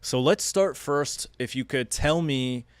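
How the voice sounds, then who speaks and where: A man hosting a podcast, speaking in a measured, earnest way, introducing his guest and asking questions. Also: medium pitch, smooth, no room sound. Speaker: podcast host. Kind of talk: podcast interview, read-out intro. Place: studio.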